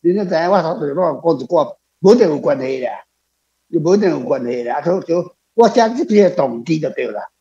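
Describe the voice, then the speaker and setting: As a guest author fielding questions, a man with a Taiwanese accent talks unscripted, wandering through anecdotes and repeating himself. He speaks fast and expressively in a slightly high, dark, slightly rough voice, captured on dull audio.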